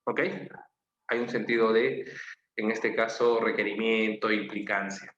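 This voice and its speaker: A man with a Peruvian Spanish accent teaches an online class at a measured pace, his voice low-ish, a bit bright, and fairly flat in pitch. He explains patiently, repeats key phrases, and checks in with students, in a roomy, slightly dull recording with faint noise.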